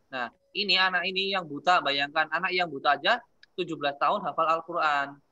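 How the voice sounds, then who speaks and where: A man's voice: fairly high pitch, fairly quick, sharp tone, dull audio. A man, giving a casual classroom religious lesson, telling stories and asking his students questions. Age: 20s. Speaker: teacher.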